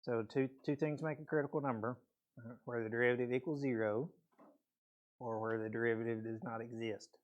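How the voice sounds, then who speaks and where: Male math teacher in a classroom, mid-pitched, casual and patient, voice slightly worn, checks in with okays. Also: fairly even intonation, fairly quick, lo-fi sound. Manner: casual, explains step by step with frequent okays. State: voice weak from weather, peppermint in mouth. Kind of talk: classroom lecture.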